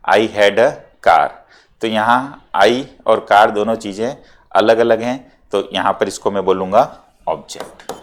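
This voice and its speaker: A man with a Rajasthani Hindi accent teaching an English grammar lesson to students. He explains step by step, mixes Hindi with English grammar terms, slows down to dictate example sentences and keeps checking with "clear?". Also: lowish voice. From India.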